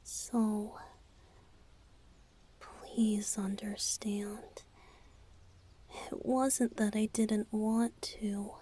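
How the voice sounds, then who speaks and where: Here a woman plays a young male bard spirit, gentle and playful, in a romantic ASMR piece, speaking in a breathy, soft whisper at medium pitch with little pitch movement. Her words come haltingly and from the heart, tender and confessional.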